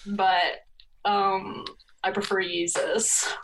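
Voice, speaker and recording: A young woman in her twenties from California, a podcast guest who talks in a relaxed, rambling way with many fillers and frequent laughs. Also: mid-range voice, drawn-out words, a little hiss or hum, poor audio. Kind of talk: casual interview chat.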